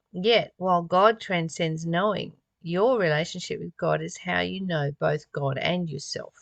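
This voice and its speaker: A woman with a lowish, fairly bright voice reads a spiritual text aloud and comments on it informally. She muses reflectively and often poses rhetorical questions. The recording is dry.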